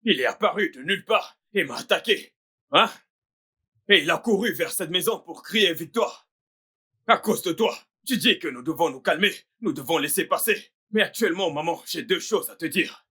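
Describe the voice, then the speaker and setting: A man's voice: fairly high pitch, expressive, normal speed, sharp tone, husky, exaggerated voice. A man playing a vain, hot-tempered young fashion designer in a French film dub, ranting and threatening revenge. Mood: furious. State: bleeding from the mouth after a beating.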